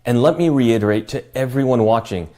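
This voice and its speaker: A man delivering a scripted response statement in a calm, well-spoken, measured way. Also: mid-range voice.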